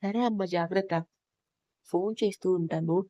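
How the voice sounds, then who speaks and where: A woman voicing a sad, guarded young bride who gives quiet, curt replies. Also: on the low side, normal speed, dry recording, muffled recording, lightly acted. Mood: subdued.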